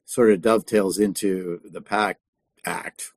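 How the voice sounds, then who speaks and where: A man hosting an interview, summing up his guest's points in halting, restarting phrases. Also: deep voice, fairly even intonation. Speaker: interview host. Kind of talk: casual interview.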